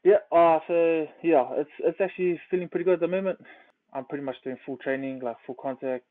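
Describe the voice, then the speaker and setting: A man's voice: on the high side, steady tone, fairly quick. A young man with a New Zealand accent, a rugby player chatting casually as an interview guest, laid-back with lots of fillers. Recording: tinny phone-like line.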